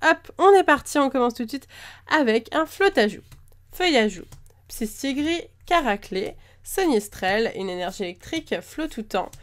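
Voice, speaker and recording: This card-opening host, a woman with a slight cold, talks animatedly in a high voice at normal speed. She chats casually while unpacking trading cards, listing them one by one and hesitating often with "euh."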